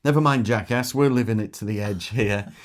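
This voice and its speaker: A man's voice: lowish voice, a little fast. A middle-aged man co-hosting a travel vlog, chatting casually while tasting food and talking with his mouth full.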